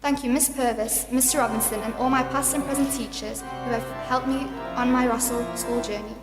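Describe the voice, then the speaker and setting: Her voice steady and on the high side, the deputy school captain, a South African in her late teens, delivers a measured, scripted prize-day speech. She speaks at a ceremony in a large, echoey school hall with music behind her.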